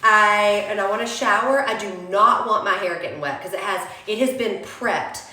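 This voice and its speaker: Bright and forceful, a young beauty vlogger's mid-range voice runs at normal speed as she chats through a hair-care tutorial. She sniffles from a cold, calls viewers y'all, and is recorded at home with a roomy echo.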